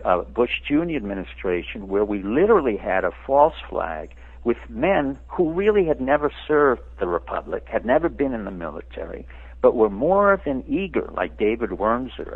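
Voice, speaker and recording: A man's voice: fairly low pitch, slightly rough. A man in his seventies who grew up in France, a radio interview guest lecturing in an emphatic way. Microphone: phone. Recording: tinny phone line.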